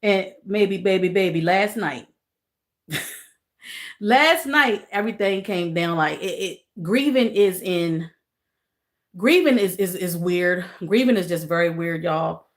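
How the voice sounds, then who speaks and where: A woman's voice: lowish voice, lively intonation, takes it slowly. A middle-aged woman hosting a casual live stream. She greets viewers by name, repeats her phrases and talks earnestly and emotionally about grief. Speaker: livestream host.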